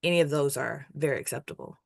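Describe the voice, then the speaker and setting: Low-voiced woman, dry close sound. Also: quick pace, vocal fry, no room sound. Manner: sums up and reinforces the main points. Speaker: co-presenter. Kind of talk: online workshop presentation.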